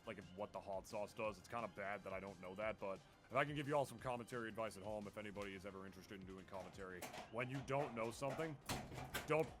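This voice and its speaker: A man commentating live on a fighting game tournament, excitable and earnest, stammering on repeated words when keen. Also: fairly low pitch, fast, music in the background. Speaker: esports co-commentator.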